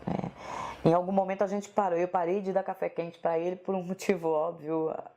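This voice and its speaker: A woman with a Northeastern Brazilian accent, speaking in a slightly low voice. She reminisces at a soft, unhurried pace and keeps checking in with a gentle "né?". She sounds like a writer being interviewed for a documentary. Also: level tone. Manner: soft-spoken, unhurried, tags phrases with "né?". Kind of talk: reflective personal reminiscence.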